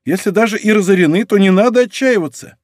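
A man voicing an excitable, loyal middle-aged grocer who bursts into exclamations. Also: sits high, quick pace, no echo, clean studio sound, voice pushed up, lightly acted. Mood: eager.

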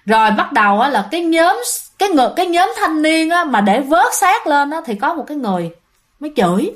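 A woman's voice: high-pitched, sing-song, fairly quick. A woman telling ghost stories in a casual, chatty way, often turning to her listeners. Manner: chatty, keeps addressing listeners, many fillers. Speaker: ghost story narrator. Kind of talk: casual spoken storytelling.

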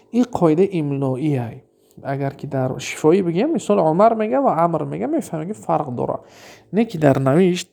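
A man with a Tajik accent teaching Arabic grammar, reading example sentences slowly and then quizzing his listeners with questions he answers himself. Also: on the high side, creaky, darkish tone. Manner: asks rhetorical questions and answers them himself. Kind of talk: classroom lesson.

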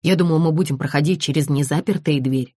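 A jumpy young man from a thriller audiobook, read by a woman asks questions anxiously and panics easily. The voice is low and mellow with a husky edge, recorded dry and close. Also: quick pace, no echo. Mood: panicky.

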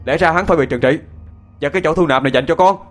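Man doing a frantic shouting young man. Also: fairly high pitch, faint music behind, pitched above the performer's own voice, lightly acted. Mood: accusing. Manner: fast, shouting.

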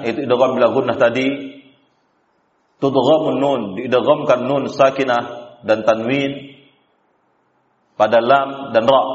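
Male recitation teacher, mid pitch, patient step-by-step explainer who quizzes the class and chants examples; muffled lo-fi class recording. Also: breathy edge. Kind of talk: classroom tajwid lesson.

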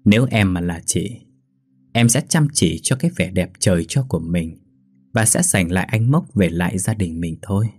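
Scheming young woman as a man puts her on, taunting, husky low voice, storybook. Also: normal speed, a little mellow, no room sound, faint music behind. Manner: taunting, then fake panicked wailing.

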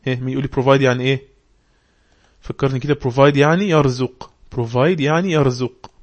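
A man with an Egyptian Arabic accent, teaching a class. He reads English lines slowly and deliberately, then explains them in quick Arabic and quizzes his students. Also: medium pitch, fairly even intonation, muffled recording. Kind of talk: online English lesson on religious text.

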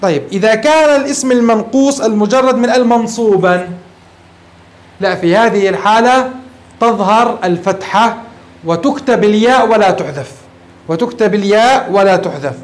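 Male grammar teacher, Levantine accent, high voice, patient classroom explainer. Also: moderate pace. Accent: Levantine Arabic. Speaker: sheikh teaching Arabic grammar.

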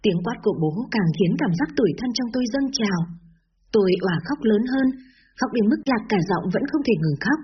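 A woman narrating a first-person story in a sorrowful, measured way, in a slightly dull lo-fi recording. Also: fairly high pitch, animated, slight background noise.

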